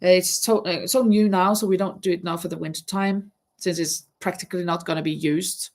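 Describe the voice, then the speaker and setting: A middle-aged woman hosts a live crafting stream, chatting casually while crocheting, reading viewer comments aloud and humming as she works. Her voice is lowish, darkish and steady in tone, a little fast, and nasal from a stuffy nose.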